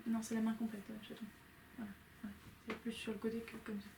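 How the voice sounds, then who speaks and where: Young woman, casual co-host, chatty and teasing, a touch high-pitched, faint noise behind. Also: monotone, quick pace, creaky. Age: young adult. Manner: chatty, teasing, often drops to a low murmur. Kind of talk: casual chat.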